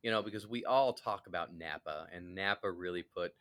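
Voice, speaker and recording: A man's voice: deep voice, brisk, fairly bright tone, no room sound. A man co-hosting a podcast, chatting and joking in a casual way while laughing easily. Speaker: podcast co-host. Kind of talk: casual chat.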